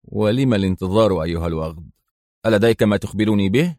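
A man voicing a calm, sarcastic secret agent hero. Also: mid-range voice, moderate pace, dry recording, clean studio sound. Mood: sardonic. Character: cool, sardonic male secret agent hero.

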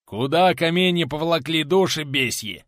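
A man voicing a stocky, bearded former outlaw, a gruff, teasing man with a hoarse, coughing voice. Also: mid-range voice, very animated, normal speed, fairly bright tone, dry recording, studio quality. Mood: threatening. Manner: gruff, threatening, mocking.

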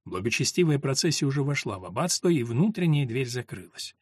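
A man narrating a dark gothic novel in a measured storytelling manner. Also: mid-range voice, big pitch swings, slightly rough, no echo, clean studio sound. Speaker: audiobook narrator. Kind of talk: scripted narration.

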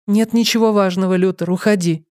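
A man voicing a young waitress in an audiobook, high falsetto and pleading. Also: steady tone, brisk, darkish tone, natural voice. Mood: firm.

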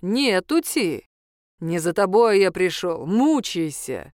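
A woman voicing a gruff, mocking male reaper who speaks curtly and drily. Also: on the low side, very animated, slow, a little mellow, no echo. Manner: dry, sarcastic, curt. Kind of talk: audiobook character voice.

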